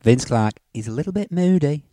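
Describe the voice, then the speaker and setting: A man's voice: fairly high pitch, expressive, a little fast, dark tone, dry recording, lightly acted. A man voicing a cheeky, flirtatious male agony uncle, full of coy innuendo. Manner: innuendo-laden, coy, teasing.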